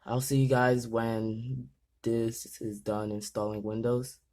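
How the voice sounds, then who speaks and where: A man's voice: mid-range voice, little pitch movement, takes it slowly, a little mellow. A young man hosting a casual gaming vlog, nervous and rambling, often stumbling over his words. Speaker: gaming channel host.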